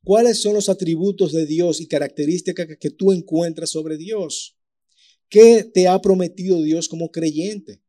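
Man, preacher, animated storytelling, warm tone. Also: high voice, a little slow. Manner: lively storytelling with acted-out voices and sound effects. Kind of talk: sermon.

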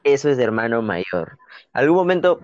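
A young man with a Peruvian accent, telling childhood stories in an animated, slangy way with frequent laughs, as a podcast co-host. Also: mid-range voice, moderate pace, slight background noise. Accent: Peruvian Spanish. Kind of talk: casual storytelling chat. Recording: dull, dry lo-fi recording.

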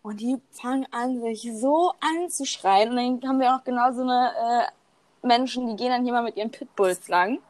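Young woman, casual chat, animated and cheeky, slightly high voice, dry close sound. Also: moderate pace, no echo. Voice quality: animated, laughs often, swears casually.

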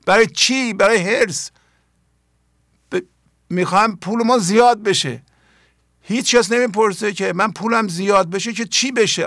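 A man's voice: high-pitched, creaky, bright, forceful tone, dry recording, studio quality. An older man, a spiritual teacher hosting his own program, giving an earnest talk on poetry and asking his listeners many pointed questions.

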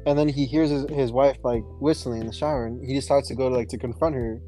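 A man's voice: mid-range voice, fairly even intonation, quick pace, warm tone, faint music behind, low-quality recording. A young man casually retelling a story to friends, rambling with many fillers. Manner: rambling, lots of "like" and "you know". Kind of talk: casual chat.

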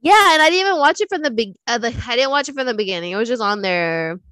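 A woman co-hosting a podcast, chatting casually about films and TV in a lively, animated way and laughing easily. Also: on the high side, quick pace, no echo. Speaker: podcast co-host.

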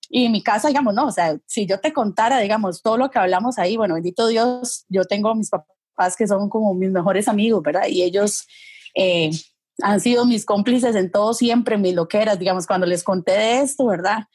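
A woman's voice: mid-range voice, brisk, a little mellow, breathy edge, no room sound. A woman with a Costa Rican accent, a guest chatting frankly and casually, often tagging her sentences with questions. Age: adult with a daughter. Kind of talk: casual conversation.

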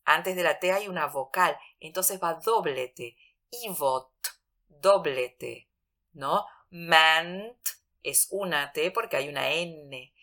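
Low, slow-spoken woman teaching a language. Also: bright, forceful tone. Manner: patient, explanatory, recites examples slowly. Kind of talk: radio language lesson.

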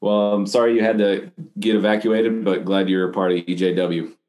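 A man's voice: fairly low pitch, little pitch movement, normal speed, darkish tone. A man hosting an interview, friendly and lightly joking with his guests. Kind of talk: casual interview.

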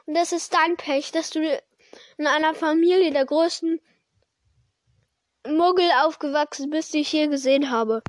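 A woman voicing a big, gruff, kind-hearted male giant while reading a story aloud. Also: high-pitched, normal speed, pauses often, no echo, clean studio sound, natural voice.

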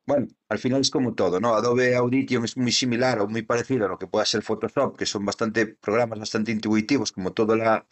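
A man's voice: lowish voice, little pitch movement, fast talker, few pauses. A man co-hosting a podcast in casual chat, rambling with lots of fillers and restarts. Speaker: podcast co-host. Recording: dull lo-fi podcast audio.

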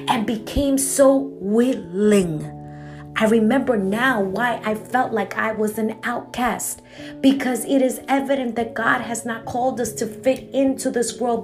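A young adult woman from Guatemala hosting her own evangelist podcast, telling her personal testimony in an earnest, preacherly way. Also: a little high.

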